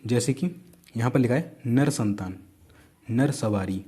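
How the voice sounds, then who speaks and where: A man with an Indian accent teaches an exam-prep grammar lesson in a mellow, warm-toned voice of middle pitch. He keeps repeating key points and tossing quick questions at the listener, with casual asides as he works at the board.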